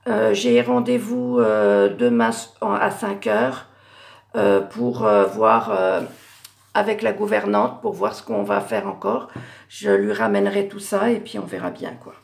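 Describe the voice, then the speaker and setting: A middle-aged woman showing her handmade Christmas cards in a casual craft vlog, hesitant with many fillers and self-corrections, her voice going hoarse. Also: mid-range voice, sing-song, a little slow, a little mellow. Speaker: craft YouTuber.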